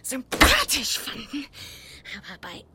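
An actress playing an irritable woman muttering sarcastic rants to herself as she clears out a house. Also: high-pitched, huge pitch swings, slow, heavy background noise, exaggerated voice. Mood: grumbling. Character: irritable woman sorting an inherited house, grumbling.

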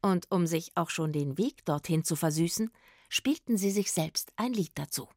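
A woman narrating a children's audio story in a lively storytelling manner. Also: on the low side, normal speed.

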